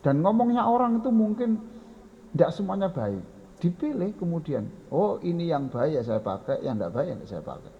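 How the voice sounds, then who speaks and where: Javanese-accented guy giving a sermon, kinda high gravelly voice, talks straight to the crowd, muffled lo-fi recording. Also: big pitch swings, moderate pace, slight background noise. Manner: folksy, mixes in Javanese phrases and addresses listeners directly. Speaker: Islamic preacher.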